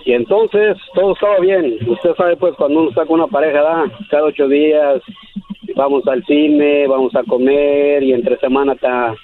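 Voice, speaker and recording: A man's voice: on the high side, fairly even intonation, normal speed, slight background noise. A man in his thirties calling into a radio show, nervous and hesitant, tagging sentences with "¿verdad?". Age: 30s. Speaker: caller. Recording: tinny phone line.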